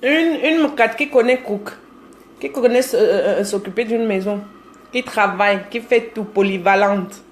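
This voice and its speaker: A Cameroonian-accented woman in her thirties chats casually on a live stream, reading comments, greeting viewers by name and teasing them. Her voice is mid-range and her pace normal.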